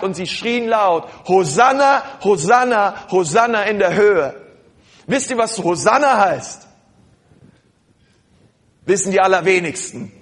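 A man preaching a sermon, speaking straight to the congregation and calling on them to respond, sometimes dropping into a quiet prayerful tone. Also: sits high. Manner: addresses congregation directly, calls for responses; shifts into quiet prayerful tone at times.

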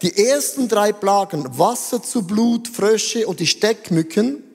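Animated male preacher, husky tone, reverberant hall. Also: sits high, measured pace. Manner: animated, mixes English phrases, acts out voices. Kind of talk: sermon.

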